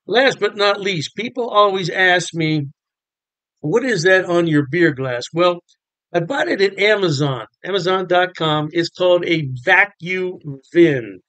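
A man's voice: fairly high pitch, a bit bright, no echo, rough recording. An older American man chatting to the camera about beer from his home bar room, folksy and enthusiastic. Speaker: beer vlogger. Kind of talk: casual talk to camera.

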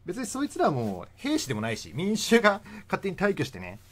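Lively, chatty man explaining history. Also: high voice, fairly quick. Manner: chatty, laughs often between points. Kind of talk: casual history lecture.

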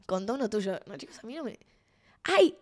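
A woman's voice: medium pitch, animated, brisk, darkish tone. A young woman with a Rioplatense Spanish accent, chatting casually with her stream viewers and telling a story with laughter and sudden exclamations.

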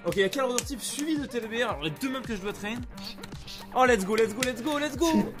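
A man streaming live gameplay, commenting excitably, often swearing and yelling at the game. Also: very high-pitched, fast talker, over music.

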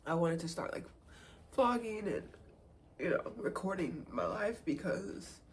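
Tearful vlogger with a halting, whispery voice. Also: mid-range voice, big pitch swings, a little hiss or hum. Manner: halting, hesitant, full of pauses and fillers; drops into soft whispers at times. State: tearful, holding back crying. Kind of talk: personal vlog, talking to camera.

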